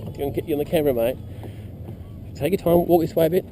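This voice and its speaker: A man coaching a young child through landing a fish outdoors, encouraging, repeating instructions and whooping with excitement. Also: fairly high pitch, quick pace. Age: adult. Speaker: uncle coaching a child fishing. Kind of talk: excited on-the-water fishing coaching. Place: outdoors on the water, fishing boat. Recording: loud wind and water noise outdoors.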